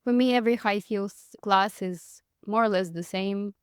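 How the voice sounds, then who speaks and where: This woman's mid-range voice is clear and resonant, moving at normal speed as she, a dance teacher in her thirties from Moscow, talks casually as an interview guest with a Russian accent. Her manner is chatty, full of laughter and frequent "like" as she tells her story. The recording is dry and of studio quality.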